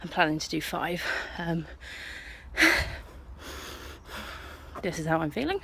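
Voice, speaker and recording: A woman's voice: sits low, lively intonation, fast talker, vocal fry. A woman talking casually to her vlog while out running, out of breath between efforts. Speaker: amateur runner vlogging. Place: outdoors on a hill. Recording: noisy outdoor background.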